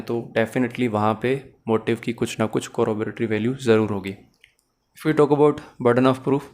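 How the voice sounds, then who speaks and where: With a medium-pitched, darkish voice, this Pakistani-accented man teaches law didactically, breaking points down step by step. He switches back and forth between Urdu-Hindi and English.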